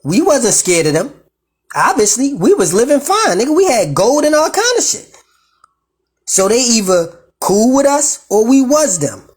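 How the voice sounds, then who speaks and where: Husky man, slangy bible teaching. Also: extremely high pitch, measured pace. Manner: profane slangy storytelling, animated asides. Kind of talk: casual bible reading with commentary.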